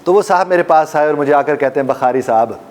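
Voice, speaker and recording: A man's voice: fairly high pitch, quick pace, heavy background noise. A man teaching a live workshop audience, demonstrating pronunciations and joking with the room. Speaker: life coach and trainer.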